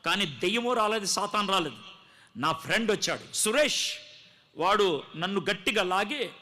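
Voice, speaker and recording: High, bright-voiced preacher telling his testimony. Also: lively intonation, moderate pace. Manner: dramatic storytelling, acting out dialogue. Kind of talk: testimony sermon. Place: live gathering before a congregation.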